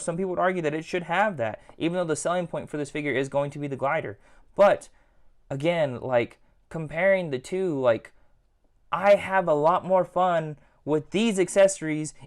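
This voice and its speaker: A man giving a casual, rambling toy review at home, leaning on filler words like "again" and "like". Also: sits high. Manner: chatty, rambling, repeats "again" and "like".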